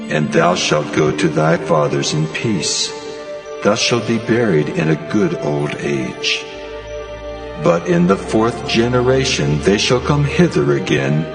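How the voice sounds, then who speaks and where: An actor playing God as a solemn, commanding divine voice in a dramatized scripture reading. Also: male voice, medium pitch, gravelly, exaggerated voice. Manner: solemn, declamatory. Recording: long cavernous reverb over music.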